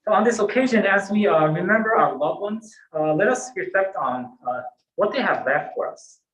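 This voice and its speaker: A man, a Buddhist minister giving a gentle, reflective dharma talk in a temple hall. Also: high voice, expressive, normal speed. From Japan. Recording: roomy temple hall echo.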